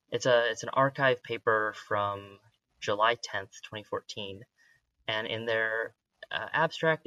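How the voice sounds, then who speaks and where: A man's voice: mid-range voice, pushed and bright, dry recording, lo-fi sound. A man hosting a podcast interview, asking curious, upbeat questions with frequent hesitations. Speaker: podcast host. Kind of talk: casual interview chat.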